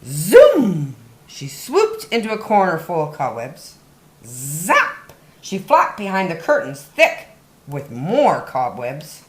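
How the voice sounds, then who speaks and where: With a wildly swooping pitch, a story time host reads to young children in a slightly low voice, unhurried and punching key words dramatically. The echoey room gives her reading a roomy indoor sound.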